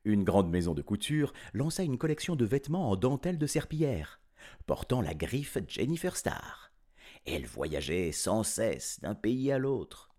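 A man telling a children's story in an animated, playful way, chuckling often. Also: lowish voice, a little slow.

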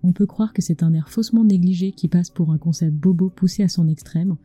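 Hosting a scripted culinary podcast, she narrates as a storyteller, intimately close to a screened microphone and right in the listener's ear. Her lowish voice is warm and fairly quick with a breathy edge, no room sound, and soft background music.

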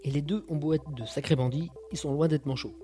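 Mellow, jokey man reviewing podcasts. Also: fairly high pitch, fairly even intonation, a little fast, soft background music. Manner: jokey and sardonic, full of quips. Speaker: podcast host reviewing audio shows. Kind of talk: casual chat.

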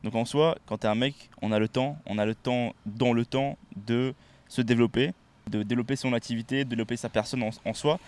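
A man co-hosting a podcast in casual chat, relaxed and switching into English words mid-sentence. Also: mid-range voice, fairly quick. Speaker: podcast co-host.

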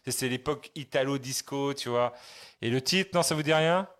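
A man's voice: medium pitch, normal speed, a bit bright. A man in his forties hosting a casual music blind test, teasing the players and humming bits of songs. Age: 40s. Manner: teasing, hums and sings snippets of songs. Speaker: host running a music quiz.

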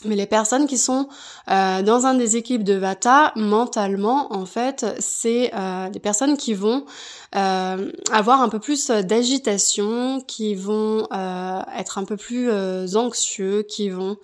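A woman's voice: mid-range voice, slow pace. A woman from France hosting a podcast, explaining things in an informal way. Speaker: podcast host, yoga teacher.

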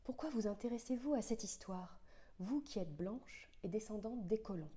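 A woman's voice: medium pitch, expressive, moderate pace, dark tone. A woman interviewer asking formal, prepared questions and reading out a quote.

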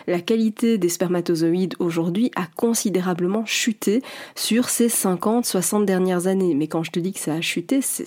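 A woman in her forties with a mellow, mid-range voice works as a fertility coach. Speaking alone on a podcast, she addresses the listener directly in an earnest, reassuring way.

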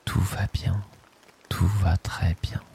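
A man leading a guided sleep meditation in a slow, soothing voice that drifts into whispers. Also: low voice, level tone, gravelly, mellow. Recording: rain sounds behind the voice.

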